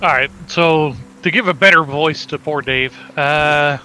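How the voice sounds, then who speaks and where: Bright-voiced casual male player. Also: a little high, unhurried, a little hiss or hum. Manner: relaxed, hesitant fillers. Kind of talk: casual tabletop game chat.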